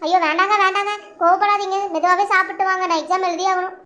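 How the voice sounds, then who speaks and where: A woman's voice: very high-pitched, steady tone, fast talker, sharp tone. A woman voicing an anxious young wife in a cartoon, pleading and worried. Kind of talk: cartoon voice acting.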